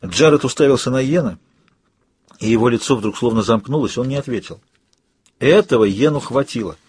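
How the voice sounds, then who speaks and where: Male audiobook reader, husky tone, dry close sound, steady read. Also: mid-range voice, a little fast, dry recording. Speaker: audiobook narrator. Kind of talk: scripted audiobook narration.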